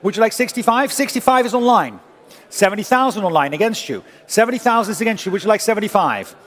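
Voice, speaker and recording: A man's voice: high voice, expressive, quick pace, fairly bright tone. A man working as an auctioneer, calling bids in a formal, insistent way and repeating figures over and over. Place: large auction hall, indoors. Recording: long-reverb hall sound.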